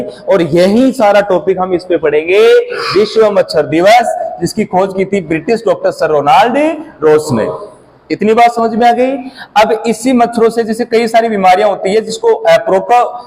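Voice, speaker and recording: High-voiced man teaching a drilling class. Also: a little mellow, slight background noise, low-quality recording. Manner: quizzes the class with repeated call-and-response prompts; repeats key terms slowly for emphasis. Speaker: competition exam teacher. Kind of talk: classroom lecture.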